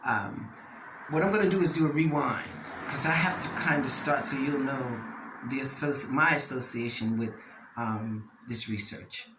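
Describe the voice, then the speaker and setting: Host, male, from Delaware: impassioned talk, emphatic and sermon-like, mid-pitched, recorded in an echoey space with light background hum. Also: normal speed. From Delaware, USA. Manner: emphatic, preacher-like delivery with rises and repeats. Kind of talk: passionate monologue. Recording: roomy echo, faint ambient noise.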